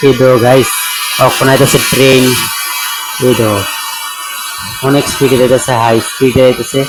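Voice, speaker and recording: Hoarse male vlogger, monotone chatty voice-over over loud music. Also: mid-range voice, normal speed, rough recording. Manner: chatty, keeps addressing viewers as guys. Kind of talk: casual voice-over vlog narration.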